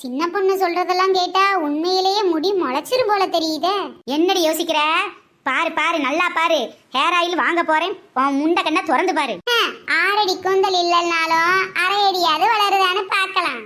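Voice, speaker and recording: A woman doing shrill village women locked in an in-law feud, a very high, piercing voice trading quick, teasing jabs. It is a scripted comedy skit, full of mock outrage and banter. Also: sharp tone. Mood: quarrelsome. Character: squabbling village women, feuding mother-in-law and daughter-in-law.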